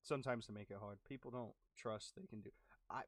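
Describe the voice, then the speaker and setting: A young man chatting casually while playing a game, reacting with quick exclamations and clearing his throat as he loses his voice. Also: fairly low pitch, no echo, studio quality. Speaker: gaming streamer. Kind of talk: casual gameplay commentary.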